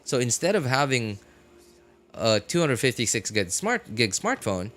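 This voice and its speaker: This is a man's medium-pitched, fairly bright voice, very animated yet a little slow, in a casual livestream chat. He rambles through his thinking, making arguments in a conversational way and frequently pausing for brief check-in questions. Music plays in the background.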